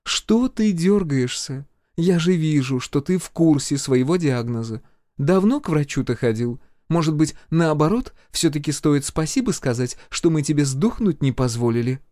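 A man's voice: fairly high pitch, expressive, warm tone, no room sound, pitched above the performer's own voice, natural voice. Sarcastic healer woman, teasing and lilting, read by a male narrator; dry close sound. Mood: mocking. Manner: mocking, teasing, drawn-out. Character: sarcastic unflappable middle-aged woman healer.

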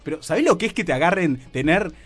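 Excitable Argentine man telling a comic story. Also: a little high, fast. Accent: Argentine Rioplatense Spanish. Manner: animated, excitable, slangy, acts out other people's lines. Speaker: radio comedy show regular.

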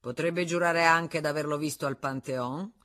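A woman's voice: low-pitched, fairly even intonation, moderate pace, a bit bright. A woman voicing a stern, imperious male club president who questions a candidate in a cold, majestic way, in a read-aloud novel. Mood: accusing.

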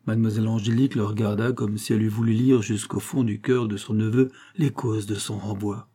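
A man narrating a classic novel in a measured, wry manner as an audiobook reader. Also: on the low side, fairly even intonation, mellow, husky. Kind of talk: scripted literary narration.

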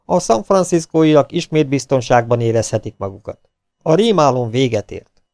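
Man reading a police chief, formal statement, gravelly, dry sound. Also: medium pitch, animated, a little mellow, dry recording, lightly acted. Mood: official.

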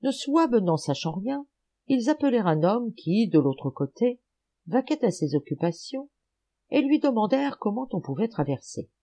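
A woman narrating a folk tale for an audiobook. Her reading is animated and expressive, and her pitch rises and falls widely. The tone stays mellow and dark. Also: normal speed. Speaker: audiobook reader. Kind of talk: storybook narration.

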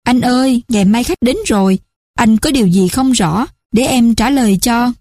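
A woman's voice: a little high, normal speed, mellow, no echo, clean studio sound, close to an everyday voice. A woman voicing a kind young woman who reassures her older brother. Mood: reassuring.

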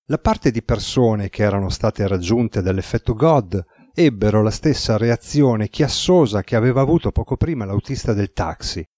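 A man reading a novel aloud in a steady, measured way, his voice low. The recording is dry and close, with no room sound. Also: dry recording. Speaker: audiobook narrator. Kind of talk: scripted narration.

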